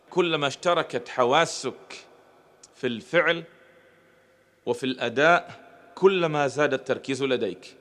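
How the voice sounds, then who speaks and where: A man's voice: on the high side, a bit bright. A man giving a motivational lecture to an audience, addressing them directly and pushing key words upward for emphasis. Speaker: motivational speaker.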